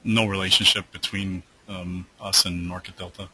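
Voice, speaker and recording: Low-voiced man with a bright, forceful tone. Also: little pitch movement, normal speed, a little hiss or hum, low-quality recording. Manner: loose, rambling, many fillers and restarts. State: losing his voice. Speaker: trading webinar host. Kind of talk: casual live webinar Q&A.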